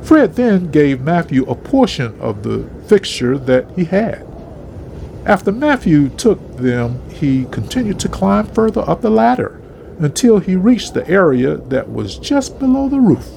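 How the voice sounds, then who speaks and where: A man reading a story aloud in an expressive, dramatic narration style. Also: sits high, measured pace, gravelly, slight background noise.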